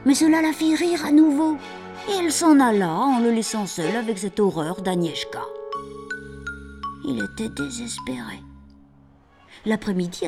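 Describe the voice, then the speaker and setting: A woman narrating a children's storybook in an animated, expressive way, dropping at times into a hushed whisper. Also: mid-range voice, gravelly.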